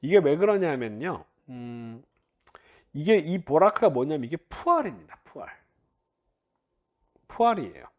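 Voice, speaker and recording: A man lecturing on grammar with a fairly high, very animated voice that rises and falls constantly. He walks through each point patiently, prompting listeners and correcting himself as he goes. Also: measured pace, long pauses. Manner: explanatory, uses many "자" prompts, self-corrects and laughs lightly. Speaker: Biblical Hebrew grammar teacher. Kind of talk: recorded classroom-style lecture.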